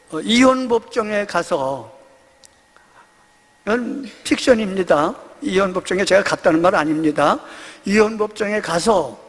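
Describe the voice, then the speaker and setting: Animated male pastor with a gravelly voice. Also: high-pitched, big-room sound. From Seoul, South Korea. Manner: animated, acts out quoted voices with humor. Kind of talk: Sunday sermon.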